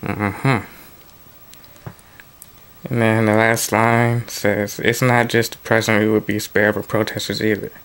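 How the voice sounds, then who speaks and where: Low, flat-voiced man reading the news. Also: unhurried, pauses often, clear, resonant tone. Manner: plain reading broken by offhand asides and restarts. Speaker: political commentary vlogger. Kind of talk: reading news articles aloud with casual commentary.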